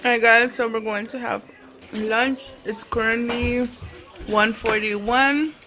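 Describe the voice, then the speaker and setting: A woman's voice: a little high, fairly even intonation, slow, background noise. A woman vlogger talking casually to her viewers while eating. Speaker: vlogger and mother.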